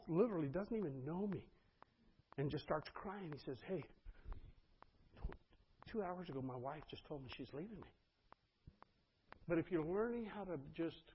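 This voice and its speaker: A man's voice: fairly high pitch, muffled recording, a little hiss or hum. A man preaching a sermon as pastor, earnest and conversational, often turning to the congregation with asides.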